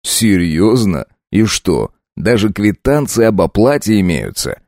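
A man's voice: fairly low pitch, sing-song, measured pace, a little mellow, no echo, studio quality. A man voicing a cold, mocking debt collector in an audiobook, speaking harshly. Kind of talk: audiobook reading.

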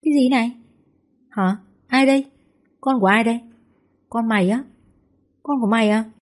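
A woman reading the lines of a loud, blunt young mother who is the narrator's best friend, with a husky, mellow tone. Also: mid-range voice, a little fast, close to an everyday voice. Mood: excited. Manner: loud, blunt, swears casually. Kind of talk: audiobook character dialogue.

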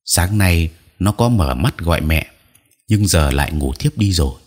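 Worried storybook mother, read by a man, low husky voice, slow and pleading. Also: animated, a little mellow, full character voice. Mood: anxious tender. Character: worried middle-aged mother, tender and relieved.

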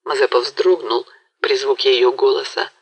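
A woman reading a historical novel aloud as an audiobook narrator, in a measured, deliberate way. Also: a bass voice, steady tone, slightly rough, no echo, rough recording.

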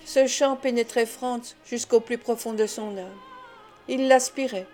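A woman reading a classic novel aloud as an audiobook, in a measured, expressive way. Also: fairly high pitch, soft background music. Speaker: audiobook narrator. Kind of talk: scripted narration of a classic novel.

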